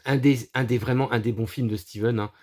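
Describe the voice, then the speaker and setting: A man's voice: medium pitch, brisk. A man chatting casually about his film collection, crude and profane, mocking with frequent laughs. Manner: laughs often, animated asides. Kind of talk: casual chat.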